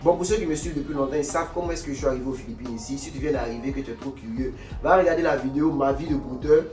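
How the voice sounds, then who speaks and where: A young man tells a comic story time in an animated, exclamatory way. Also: mid-range voice, racing. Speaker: vlogger. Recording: echoey room, distant mic, faint music.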